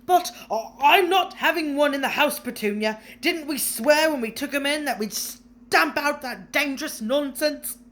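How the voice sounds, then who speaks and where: A woman's voice: sits high, unhurried, a bit bright, pitched above the performer's own voice. A woman voicing a blustering, bullying middle-aged uncle who sneers, stammers and roars. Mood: panicked.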